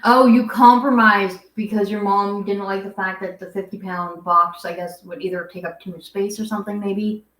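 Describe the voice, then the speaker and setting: A woman's voice: medium pitch, fairly even intonation, normal speed, hardly any pauses, fairly bright tone. A young adult woman hosting a casual home livestream, rambling as she reads viewer comments aloud. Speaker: guinea pig channel host. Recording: echoey room.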